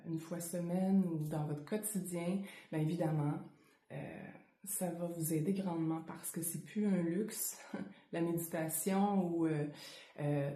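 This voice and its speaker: A woman with a Quebec French accent speaks in a soft-edged, mellow and fairly low voice, with a roomy echo around it. She teaches breathing exercises informally, pausing often as she finds her words. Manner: hesitant, unscripted delivery with frequent pauses. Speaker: Kundalini yoga teacher. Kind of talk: informal guided breathing lesson to camera. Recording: roomy, echoing indoor sound.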